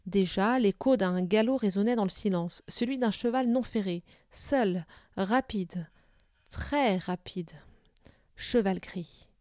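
A woman narrating a children's novel aloud in a clear, even storytelling manner. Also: mid-range voice, unhurried, no echo, studio quality.

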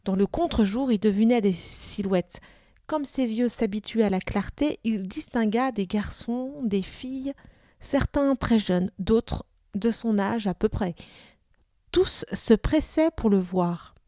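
A woman reading a storybook aloud with expressive, dramatic storytelling. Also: a little high, takes it slowly, no room sound, clean studio sound. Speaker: narrator. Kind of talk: storybook narration.

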